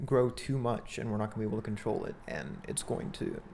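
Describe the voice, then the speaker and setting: A man's voice: lowish voice, animated, vocal fry, darkish tone, a little hiss or hum. Easygoing young man in casual chat. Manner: easygoing, agreeable, quick to laugh. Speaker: podcast co-host.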